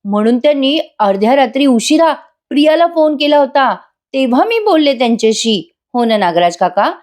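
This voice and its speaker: Woman doing a calm, reassuring young heroine. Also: high voice, normal speed, pitched above the performer's own voice. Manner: soothing, reassuring.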